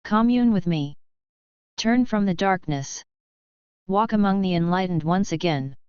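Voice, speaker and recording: A woman voicing a gentle, quietly persuasive man in a fan-fiction audio story. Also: fairly low pitch, measured pace, smooth, no echo, close to an everyday voice. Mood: earnest. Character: gentle light-side man, calm persuader. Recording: slightly dull, dry recording.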